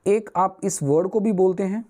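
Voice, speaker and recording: A man's voice: high voice, moderate pace, warm tone. A man teaching newspaper vocabulary, asking and answering his own questions at a whiteboard.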